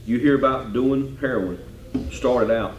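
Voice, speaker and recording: A man's voice: mid-range voice, unhurried, lo-fi sound, slight background noise. A man, a sheriff speaking emphatically at a club meeting and repeating himself. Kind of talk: casual talk at a club meeting. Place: meeting room. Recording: echoey room, distant mic.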